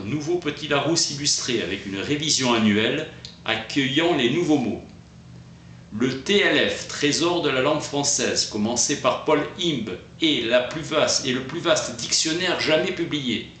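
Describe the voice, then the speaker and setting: Man reading terse notes, bright echoey voice. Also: medium pitch. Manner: terse note-like phrasing with occasional restarts. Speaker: book summary presenter. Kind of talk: reading summary notes aloud. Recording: echoey room with faint noise.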